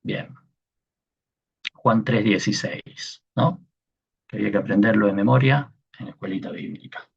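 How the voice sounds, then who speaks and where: A man's voice: on the low side, normal speed, long pauses. A man teaching a Koine Greek class, explaining patiently and often checking that his listeners follow. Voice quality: gravelly and husky. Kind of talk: online class lecture. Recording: dull lo-fi sound.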